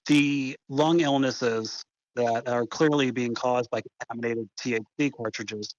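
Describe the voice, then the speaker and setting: A man's voice comes through a phone call, muffled and dull with no room sound at all. He is a guest on the line, laying out his points in a measured, deliberate way at a middle pitch. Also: no room sound. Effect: heard over the phone. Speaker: phone-in guest, head of an advocacy group. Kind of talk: phone interview. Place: green room before a TV appearance.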